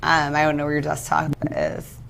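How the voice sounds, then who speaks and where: Brief: female host, low-ish voice, short prompts, keeps the guest on topic. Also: completely flat delivery, moderate pace, vocal fry, fairly bright tone. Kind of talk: interviewing a guest.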